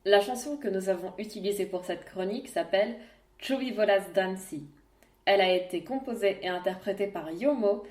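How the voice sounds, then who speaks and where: Lady reading out a language lesson, clear teacherly voice, slows down on the example words. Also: medium pitch, a little mellow. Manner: clear, didactic, spells out examples slowly. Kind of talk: scripted educational narration.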